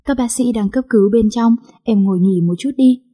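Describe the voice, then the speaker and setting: A woman's voice: on the high side, fairly quick, dark tone, husky. A woman voicing a loyal young family aide who speaks steadily and reassuringly. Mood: urgent, steady.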